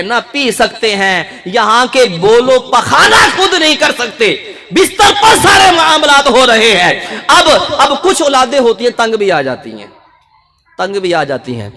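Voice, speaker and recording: Man, high bright voice, impassioned preacher, big reverbing hall. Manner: impassioned, rising to shouted peaks. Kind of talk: sermon.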